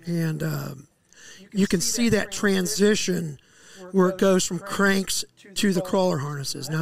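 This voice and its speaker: A middle-aged man, a fishing guide, explaining his methods in a relaxed, casual interview outdoors on a headset mic, with fillers and restarts. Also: high-pitched, vocal fry. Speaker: walleye fishing guide, podcast guest. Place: outdoor deck by a lake.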